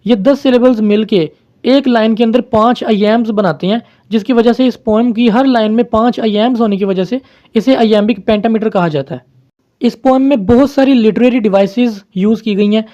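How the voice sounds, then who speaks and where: Teacher, male, high and mellow voice, calm explainer, dull lo-fi recording. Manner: mixes English terms into explanations, addresses viewers as friends. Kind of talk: explaining a poem to viewers.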